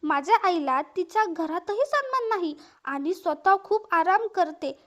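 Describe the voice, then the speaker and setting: A woman's voice: very high-pitched, animated, unhurried, a bit bright, heavily acted. A stern young husband, read by a woman. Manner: firm, reproachful.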